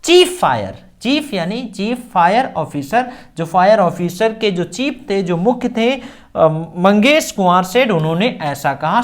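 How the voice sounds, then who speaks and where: A woman with an Indian accent teaching English by reading a newspaper aloud, reading each phrase slowly and explaining it in Hindi. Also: mid-range voice.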